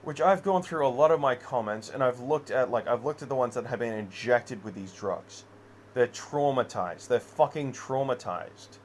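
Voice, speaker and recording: A man's voice: mid-range voice, lively intonation, normal speed, a little hiss or hum. A man in an unscripted personal rant, rambling, heavily profane and agitated. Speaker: vlogger.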